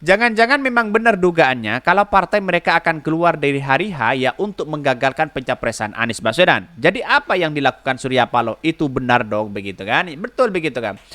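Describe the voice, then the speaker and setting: A man's voice: on the high side, fairly bright tone. A man hosting a solo political podcast, chatty, chuckling often as he reads out viewer comments.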